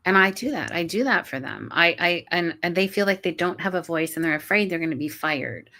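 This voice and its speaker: A college professor appears as a guest in a conversational interview, speaking earnestly in a lowish, expressive, sharp-toned voice at a fairly quick pace. She often restarts her words and laughs now and then as she goes.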